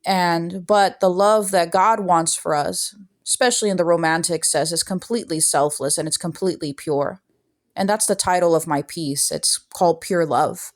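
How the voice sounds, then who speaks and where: A young woman with a lilt narrates over her painting time-lapse in a relaxed, soft-spoken way. Her voice sits a little low, and she reads her poem in the same gentle, unhurried manner. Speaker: art channel host. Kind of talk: casual voice-over with poetry reading.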